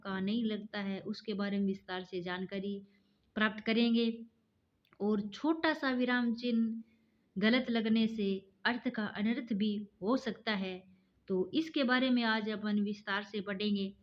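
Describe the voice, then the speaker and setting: A woman's voice: mid-range voice, a little slow, muffled recording. A woman teaching an online grammar lesson. She talks chattily, calls her viewers "guys" and repeats key points back as quiz questions.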